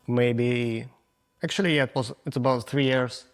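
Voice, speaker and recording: A man's voice: medium pitch, fairly even intonation. Russian-accented man in his forties. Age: 40s. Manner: frank, halting non-native English with restarts. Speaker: guest photographer. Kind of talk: casual interview answers.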